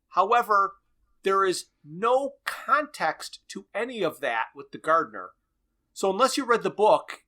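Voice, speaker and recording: A man's voice: a little high, pushed and bright. A man co-hosting a casual podcast, recapping and picking apart a radio series with frequent chuckles. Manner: analytical, recaps plot at length, chuckles often. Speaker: podcast co-host.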